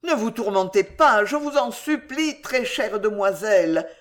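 A reader doing an ardent, lovesick gentleman. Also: high voice, big pitch swings, slow pace, full character voice. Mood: soothing. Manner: pleading, ardent. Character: lovesick middle-aged gentleman, mildly wounded, tender.

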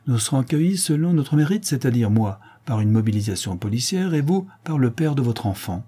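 A man reading an audiobook, voicing a charming, teasing gentleman thief with playful confidence. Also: medium pitch, lively intonation, a little fast, breathy edge.

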